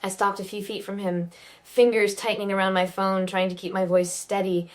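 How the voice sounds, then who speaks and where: A woman narrating a first-person story in a measured, subdued way. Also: mid-range voice, level tone.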